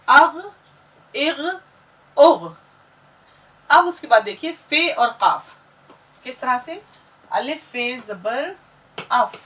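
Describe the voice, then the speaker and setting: Patient woman teaching letter sounds slowly. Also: on the high side, bright, forceful tone, far from the mic, poor audio. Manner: patient, drills syllables one by one and has listeners repeat. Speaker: Urdu teacher. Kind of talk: slow classroom lesson, spelling out sounds.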